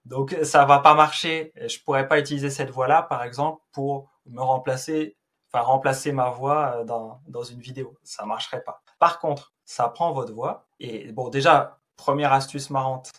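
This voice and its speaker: Male YouTuber, husky mid-pitched voice, relaxed informal tutorial delivery with hesitations. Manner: chatty, loose and informal, with frequent hesitations. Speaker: YouTuber explaining a software tool. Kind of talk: casual tutorial explanation.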